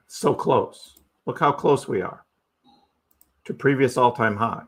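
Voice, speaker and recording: Slow-talking man hosting a crypto stream. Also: mid-range voice, breathy edge. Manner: chatty, asks the audience rhetorical questions. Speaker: crypto livestream host. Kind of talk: casual live chart commentary.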